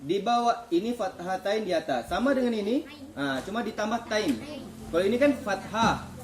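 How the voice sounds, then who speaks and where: A man's voice: sits high, expressive, moderate pace, crowd noise. A man teaching children to read the Quran in a classroom, patiently quizzing them and praising their answers. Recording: echoey classroom.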